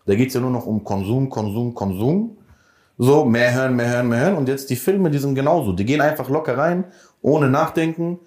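A man in relaxed podcast conversation who questions and pushes back without raising his voice. His pitch is in the middle for a man, and he talks in an easygoing, reasoning way. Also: a little fast. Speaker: podcast co-host. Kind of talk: casual podcast chat.

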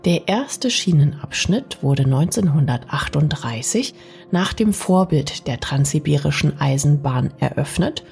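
A woman narrates a bedtime sleep story in a soft, soothing, partly whispery way, speaking intimately to the listener. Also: low voice. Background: music.

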